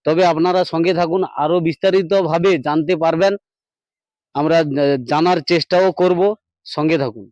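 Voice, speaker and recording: A man playing a parody news anchor, an excitable, mock-earnest TV reporter, wordy and repetitive. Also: on the high side, moderate pace, no room sound, highs cut off, natural voice. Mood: mock-grave. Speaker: host of a parody news show. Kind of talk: parody news anchor, live street interview.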